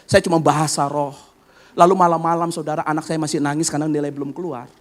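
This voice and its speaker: A middle-aged male pastor delivering a sermon with a fairly high voice. He swings between ringing, raised exclamations and quiet, confiding asides. He keeps turning to the congregation for an amen. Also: fairly even intonation, fast talker. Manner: preaching with wide swings from loud, high exclamations to hushed asides; addresses the congregation often, calling for amens.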